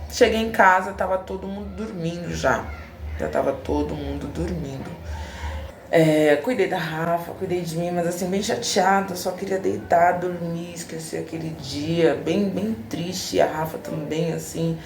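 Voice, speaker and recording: Brazilian woman, low husky fry voice, reflective story chat, faint room hum. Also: darkish tone. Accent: Brazilian, São Paulo. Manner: emotional, reflective, re-enacts dialogue. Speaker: braider telling a personal story. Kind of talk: casual personal storytelling. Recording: echoey room.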